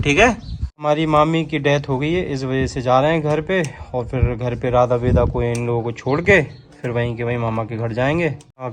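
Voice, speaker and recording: Man vlogging outdoors. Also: medium pitch. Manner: talks to camera and family, coaxing. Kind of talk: casual vlog chat. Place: outdoors at a family home. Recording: noisy outdoor phone recording.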